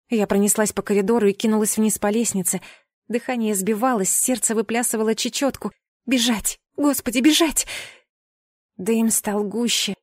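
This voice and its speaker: A woman narrates a first-person fantasy audiobook with dramatic expression. Her voice is fairly high. The reading is close and dry, with no room sound. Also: a little mellow, no echo. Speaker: audiobook reader.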